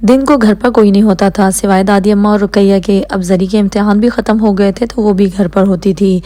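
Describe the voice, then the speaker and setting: A woman's voice: medium pitch, steady tone, mellow. A woman narrating a novel as an audiobook, reading every character's lines herself and changing her tone for the dialogue.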